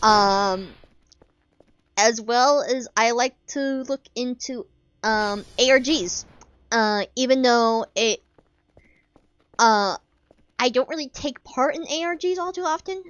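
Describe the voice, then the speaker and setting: A young woman with a squeaky, childlike voice, pitched a little high, chats in a slow, rambling way while she streams a game. She fills her talk with ums and restarts. The dull, lo-fi mic sits dry and close. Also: a bit bright, clear, resonant tone. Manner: rambling, many fillers and restarts. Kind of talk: casual chat while gaming.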